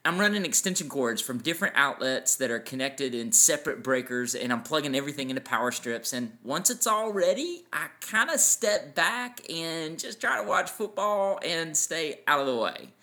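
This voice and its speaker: A man's voice: a little high, lively intonation, normal speed, hardly any pauses, pushed and bright. A man in his forties co-hosting a casual family podcast, telling sentimental stories and laughing easily. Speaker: podcast co-host.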